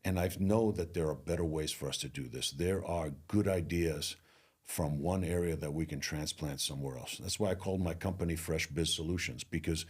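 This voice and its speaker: Very deep husky middle-aged man. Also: darkish tone. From Greece. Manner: earnest, motivational, slows down on key phrases. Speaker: leadership speaker and coach. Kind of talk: interview conversation.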